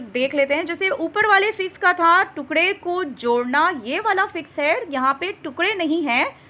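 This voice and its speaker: A woman teaching English vocabulary in a slow, explanatory manner, often addressing her viewers as friends. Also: high voice, pushed and bright. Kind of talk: vocabulary lesson.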